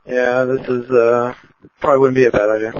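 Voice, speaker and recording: A man acting as fire incident commander, giving calm orders over a two-way radio, halting with fillers. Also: mid-range voice. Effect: heard over a two-way radio. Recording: muffled lo-fi radio with faint hiss.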